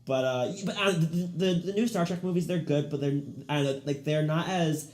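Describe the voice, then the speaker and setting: A man's voice: on the high side, brisk, darkish tone, reverberant. A man co-hosting a podcast, chatting casually about movies with lots of restarts and fillers. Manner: rambling, many restarts and fillers. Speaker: podcast co-host.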